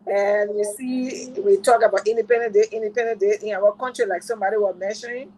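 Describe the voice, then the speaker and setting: A woman's voice: mid-range voice, fairly even intonation, fast, dark tone, slight background noise, low-quality recording. A woman with a Liberian accent speaking earnestly as a political analyst on a panel, repeating herself and asking rhetorical questions. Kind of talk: panel discussion.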